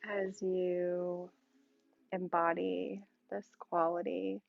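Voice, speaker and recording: Speaking low and creakily, a woman leads a guided meditation as a yoga teacher, calm and soothing. She uses brief phrases with long silences, and the audio sounds muffled.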